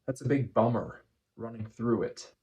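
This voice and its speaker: A man giving a casual running vlog recap in measured, deliberate phrases with frequent pauses. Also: mid-range voice, a little mellow. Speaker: running vlogger.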